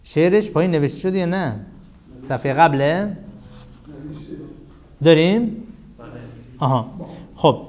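A man's voice: on the high side, a little mellow. Man teaching a grammar class. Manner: chants verse slowly.

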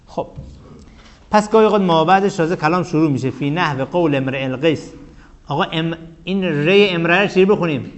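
A man with a fairly high voice teaches a grammar class. He keeps asking his students questions and answers them himself. His phrases fall to a low murmur at the end, and he chants lines of verse slowly. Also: dull audio.

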